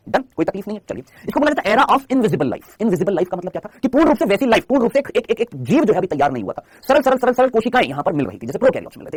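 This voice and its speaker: A man's voice: a little high, a little mellow, breathy edge, no room sound. A man teaching a live online biology class in Hindi, quizzing his students with constant rhetorical questions and answering them himself.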